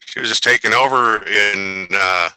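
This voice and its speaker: A man in a casual roundtable chat on a video call, telling family stories in an animated way and slipping into playful voices. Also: lowish voice, a little slow, clear, resonant tone, no room sound, rough recording. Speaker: network member, roundtable guest. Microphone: video call microphone.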